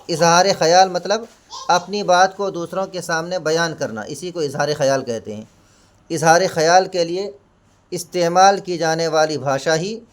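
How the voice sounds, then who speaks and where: A man teaching an exam-prep lesson. He asks himself questions, answers them, and repeats key points with Hindi and English equivalents. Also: fairly high pitch. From India. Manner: explains each term with Hindi and English equivalents.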